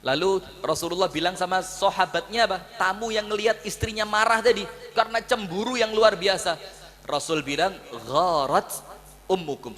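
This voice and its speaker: A man with a Javanese-tinged Indonesian accent preaching a humorous sermon, acting out dialogue and telling jokes in a lively storytelling style. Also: sits high, long reverb tail.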